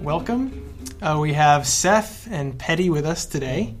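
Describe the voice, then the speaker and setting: Relaxed male podcast host. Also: on the high side, measured pace, soft background music. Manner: relaxed, friendly questions with fillers. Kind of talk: casual interview hosting.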